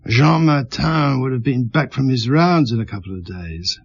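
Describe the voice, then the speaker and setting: An actor playing a calm, laconic police inspector in a radio drama, speaking tersely and asking quiet, probing questions. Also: male voice, mid-range voice, moderate pace, vocal fry, husky, dull audio. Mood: preoccupied.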